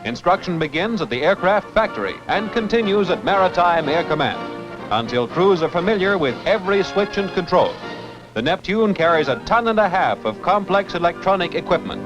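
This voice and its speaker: A man giving scripted narration for an old newsreel in a crisp, declamatory announcer manner. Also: high-pitched, sing-song, fairly quick. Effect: old newsreel recording. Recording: dull lo-fi newsreel soundtrack with music.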